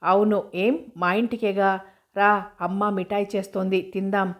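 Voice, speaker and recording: A woman reading as a lively young woman, curious and coaxing, with a teasing edge to her questions. Her voice stays level and even, as in a storybook read aloud. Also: medium pitch, measured pace, close to an everyday voice. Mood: cheerful.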